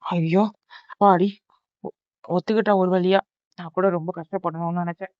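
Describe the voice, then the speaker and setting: A woman's voice: on the low side, steady tone, normal speed, dry recording, lo-fi sound, close to an everyday voice. A woman voicing a scheming middle-aged aunt who pleads and pushes emotionally. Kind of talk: cartoon voice acting.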